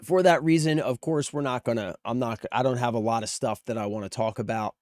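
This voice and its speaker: A man hosting a casual livestream chats informally with viewers about gaming news while sick, his voice strained from nearly losing it. He speaks a little fast in a mid-range, darkish voice, and the recording is dry.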